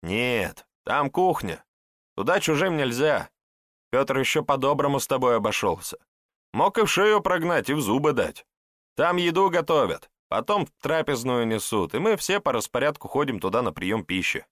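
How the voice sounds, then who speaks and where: A man's voice: medium pitch, sing-song, moderate pace, a bit bright, dry recording, clean studio sound, pitched above the performer's own voice. A man voicing a stocky, well-fed young estate worker who grumbles reluctantly. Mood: grumbling. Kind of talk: audiobook character voice.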